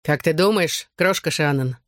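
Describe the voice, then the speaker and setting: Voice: medium pitch, moderate pace, fairly bright tone, no room sound, studio quality, natural voice. An audiobook reader voicing a cheeky, joking teenage schoolboy who talks in a teasing, upbeat way.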